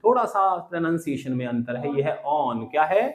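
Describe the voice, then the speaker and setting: A man's voice: on the high side, expressive, brisk, crowd noise. A man teaching a spoken English class in a classroom, drilling students by asking them to repeat phrases. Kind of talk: classroom lesson in Hindi and English.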